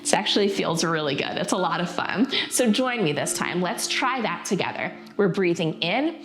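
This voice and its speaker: A woman's voice: fairly low pitch, expressive, normal speed. A woman teaching prenatal yoga in an informal, encouraging and playful way, guiding listeners through breathing practice. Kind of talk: casual guided yoga instruction.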